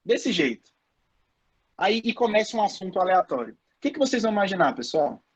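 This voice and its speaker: A professor gives his students a casual online lecture, very animated and fast, in a voice that sits high with a breathy edge. He repeats points for emphasis and restarts often, filling gaps with "é".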